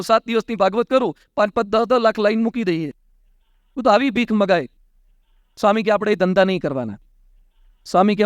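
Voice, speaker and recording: This monk's religious discourse comes through in a high-pitched, clear, resonant voice with no room sound. He shares anecdotes casually, like a conversation, voicing the exchanges between characters in his storytelling sermon.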